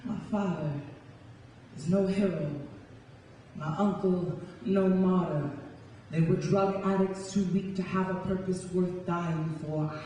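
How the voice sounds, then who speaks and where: A young woman, a spoken word poet, performs live for an audience in a large indoor hall, reciting with a dramatic, rhythmic, emphatic delivery. Her voice is fairly low and dark, steady and unhurried. The recording is noisy and echoey, captured from far off in the hall.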